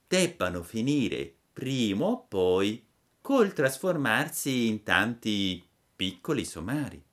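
A man voicing a wise, gentle female marmot who speaks slowly and softly. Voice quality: soft, slow and low.

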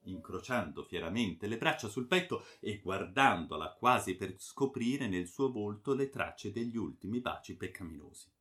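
A man narrating a classic novel in a theatrical, expressive reading. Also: lowish voice, normal speed, hardly any pauses.

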